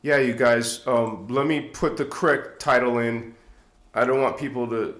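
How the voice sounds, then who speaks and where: Here a livestream host talks unhurriedly into a tripod-mounted phone, his mid-range voice fairly bright and fairly even in intonation, echoing around the room. Stuffy-nosed, he rambles and chats, chuckling often.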